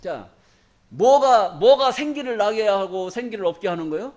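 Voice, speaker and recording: A man's voice: sits high, expressive, moderate pace, a little mellow. A male pastor preaching a sermon in a church, emphatic and folksy, often asking the congregation questions for them to answer back. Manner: call-and-response questions to the congregation.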